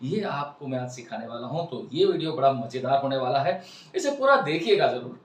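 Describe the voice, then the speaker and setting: A man's voice: mid-range voice, sing-song, a little fast. 60-year-old man, echoey distant talk. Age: 60s. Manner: persuasive, emphatic, earnest. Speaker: health and wellness channel host. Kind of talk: explanatory talk to camera.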